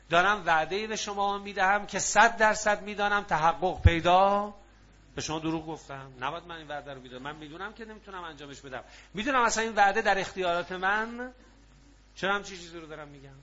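Male preacher, fairly high and bright voice, lively call-and-response delivery, dull lo-fi sound. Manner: lively, prompts audience to answer. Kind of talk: religious talk to a live audience.

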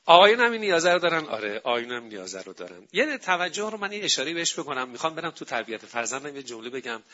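A man giving an animated public talk on parenting and family, telling stories and acting out what people say. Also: on the high side. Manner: animated storytelling, acting out quotes. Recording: dull lo-fi recording.

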